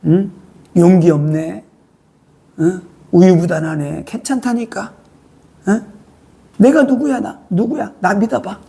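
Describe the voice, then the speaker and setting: A preacher voicing Satan as a tempter who speaks softly and keeps urging someone to give in. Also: mid-range voice, lively intonation, measured pace, gravelly, pauses often, breathy edge, pitched below the performer's own voice, exaggerated voice. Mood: coaxing. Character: coaxing tempter Satan speaking through the serpent.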